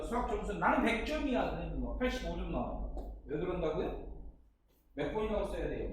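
A man tutoring exam-prep math, chatty and lively, forever checking that the learner follows along. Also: high-pitched. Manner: keeps checking understanding with short questions. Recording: echoey room with distant mic and noise.

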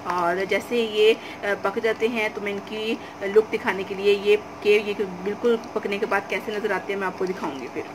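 A woman's voice: mid-range voice, steady tone, normal speed, hardly any pauses. Woman explaining a home recipe. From Pakistan. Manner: explanatory, step by step, with frequent fillers. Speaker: cooking channel host. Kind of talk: home cooking tutorial voice-over. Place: home kitchen. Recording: noisy home recording.

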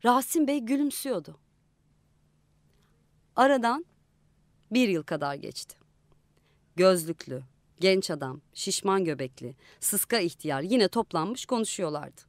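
A woman's voice: big pitch swings, a little slow, pauses often, no room sound. Woman narrating a story, dry studio sound. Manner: voices the characters with shifts in pitch and loudness. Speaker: audiobook narrator. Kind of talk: scripted literary narration. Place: radio studio.

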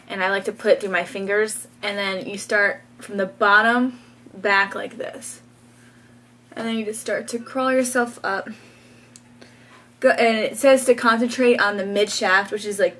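A young beauty vlogger styles her hair while casually talking through a tutorial, chatty, with frequent ums and light laughs. Her medium-pitched voice is a bit bright, recorded on a camera mic in a small bedroom with slight background noise.

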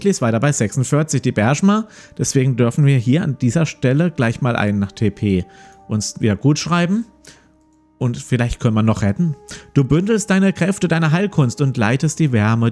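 A mid-range, darkish voice belongs to a man in his forties hosting a let's play, where he reads a gamebook aloud and comments casually. Behind him, plucked guitar music plays.

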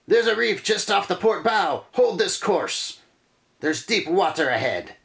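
A man voicing an urgent pirate ship lookout who shouts his warnings in loud, drawn-out calls. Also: high-pitched, big pitch swings, vocal fry, pitched above the performer's own voice, full character voice.

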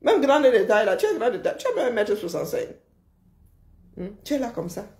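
A woman lectures and mocks in a loose, animated rant. Her voice has a gravelly fry to it. The sound rings with a roomy echo. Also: fairly high pitch, a little fast. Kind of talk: casual live rant.

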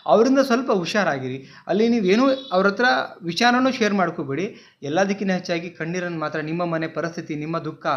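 A man's voice: high-pitched, lo-fi sound. A man with a Kannada accent giving an earnest, repetitive motivational talk to his channel viewers, mixing in English words. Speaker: motivational speaker.

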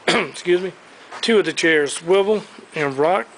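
The auctioneer's voice is high-pitched and measured as he tours a large indoor warehouse, cheerfully presenting the goods up for auction. Slight background noise comes through on the poor audio from the camera in his hand.

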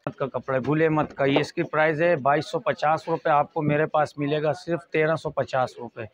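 A man in his thirties with a Pakistani accent, giving an informal, repetitive sales pitch as a fabric shop salesman. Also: fairly even intonation, a little fast. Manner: repetitive, price-quoting salesman's patter. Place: small fabric shop indoors. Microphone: lapel mic. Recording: dull, muffled lo-fi audio.

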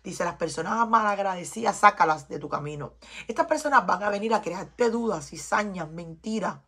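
A woman's voice: mid-range voice, normal speed, pushed and bright, slightly rough. A Cuban woman with a Cuban Spanish accent giving an emphatic, preachy tarot reading to her viewers, often repeating herself. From Cuba. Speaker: tarot reader.

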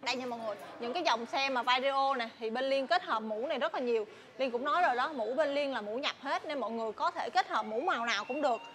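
Young southern vietnamese woman doing a chatty sales walkthrough, high voice, some warehouse noise behind her. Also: quick pace, hardly any pauses, fairly bright tone. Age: young adult. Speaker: motorbike shop saleswoman presenting stock. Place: large tin-walled motorbike warehouse. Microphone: clip-on lapel mic.

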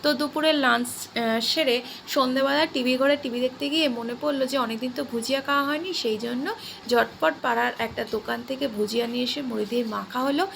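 A woman's voice: high voice, fast, vocal fry, rough recording. A woman with a Bengali accent chatting to her viewers in a casual home vlog, addressing them as friends. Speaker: lifestyle vlogger. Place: home, partly on a balcony. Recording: loud background noise from a home. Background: fan and water pump machine noise.

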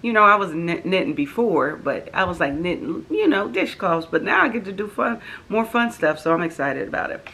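A woman's voice: lowish voice, lively intonation, moderate pace, creaky, hardly any pauses, sharp tone, low-quality recording. A middle-aged American woman chatting to camera as a host, in an effusive, folksy way full of endearments. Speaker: host of a crafting devotional channel. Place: living room sofa, indoors.

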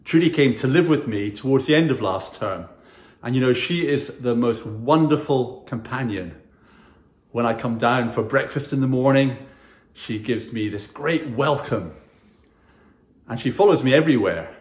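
A man in his sixties, a chaplain, giving a gentle, earnest chapel talk to pupils, recorded on a camera at mid distance in a small wood-panelled room. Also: medium pitch, animated, moderate pace. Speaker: school chaplain. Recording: roomy echo.

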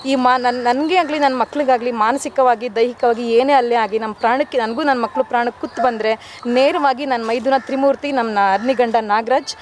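Widowed woman in her forties, fast and pleading, on the street with loud crows behind her. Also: fairly high pitch, steady tone, slight background noise. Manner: urgent, pleading, keeps addressing the reporter as sir. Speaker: widow making a complaint to reporters. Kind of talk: news interview statement.

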